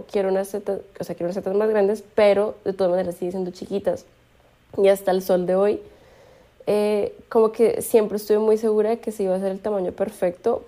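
Woman, podcast co-host, thoughtful and measured, mellow warm tone. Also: mid-range voice. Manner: thoughtful, measured advice with restarts. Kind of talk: casual chat.

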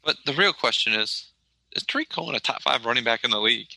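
A man's voice: medium pitch, animated, quick pace, creaky, bright, forceful tone, no echo, low-quality recording. A man co-hosting a sports podcast in casual chat. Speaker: podcast co-host.

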